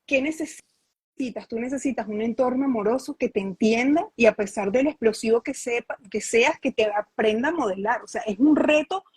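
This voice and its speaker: A woman's voice: fairly high pitch, normal speed, a little mellow, slightly rough, no room sound, poor audio. A woman speaking earnestly in a conversational interview, explaining her views with rhetorical questions and frequent restarts.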